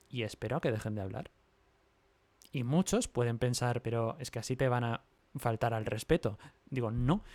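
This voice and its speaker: A male primary school teacher, calmly reasoning through his point in a livestream conversation. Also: medium pitch, no echo. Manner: calm, reasoned explaining with animated quoted voices.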